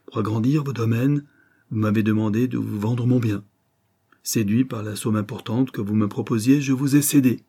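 A man's voice: medium pitch, mellow, breathy edge, natural voice. A man voicing an old, embittered ex-convict vagabond who speaks with bitter, vehement accusation.

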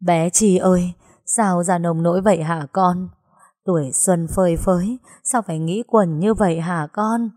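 A woman's voice: on the low side, fairly even intonation, measured pace, mellow, no room sound, clean studio sound. A woman voicing a wailing old grandmother. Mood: wailing grief. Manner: wailing, scolding.

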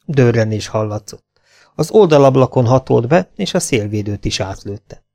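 A man narrating an adventure novel as an audiobook, in steady, plain storytelling. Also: mid-range voice, vocal fry. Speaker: audiobook reader.

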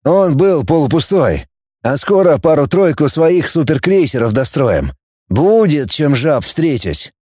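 A man doing a calm, assured commander. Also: a little high, unhurried, husky, no echo, clean studio sound, full character voice. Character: calm confident male commander.

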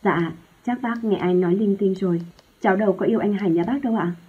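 A woman voicing a shy young woman who answers politely and deferentially, in a husky voice. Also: medium pitch, fast talker, lightly acted. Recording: tinny phone-like lo-fi sound.

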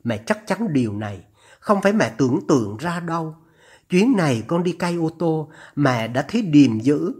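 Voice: medium pitch, very animated, normal speed, a little mellow, breathy edge. A narrator voicing an anxious older mother on the phone, her trembling voice urgent and scolding as she pleads.

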